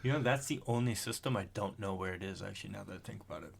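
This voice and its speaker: This podcast co-host, a man in his thirties, rattles along rapid-fire in a lowish voice with vocal fry, and a little hiss or hum is audible. Chatting casually in a home room, he rambles, self-corrects, and occasionally swears.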